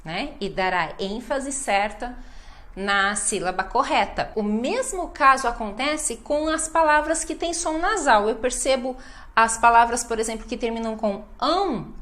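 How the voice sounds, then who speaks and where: A woman's voice: on the high side, animated, unhurried, a bit bright. A Brazilian woman with a Brazilian Portuguese accent, teaching a pronunciation lesson and repeating words with exaggerated stress to show where the emphasis falls. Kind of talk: language lesson.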